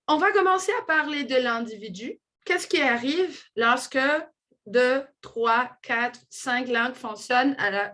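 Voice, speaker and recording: Slow-speaking woman lecturer. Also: on the high side, sharp tone. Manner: measured, explanatory delivery with frequent restarts. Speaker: linguistics lecturer. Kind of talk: conference lecture. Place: lecture room with an audience.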